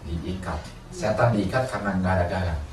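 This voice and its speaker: A man's voice: low-pitched, fairly quick, soft background music. A man preaching a sermon, asking his congregation questions and answering them himself. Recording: roomy, from a distance, faint ambience.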